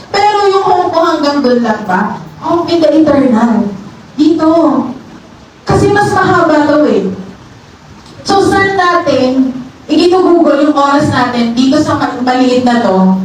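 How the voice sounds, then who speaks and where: A woman with a Filipino accent preaching at a youth service, playful and chatty, often asking her listeners questions. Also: high voice. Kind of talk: Taglish youth sermon. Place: church hall. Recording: echoey hall from far off, noisy.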